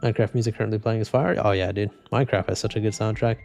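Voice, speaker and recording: Reading his chat during a casual gaming livestream, this young streamer speaks at a racing pace in a creaky, slightly stuffy voice. His delivery is flat and low-energy, a voice he describes as boring, while game music and typing sit faintly underneath.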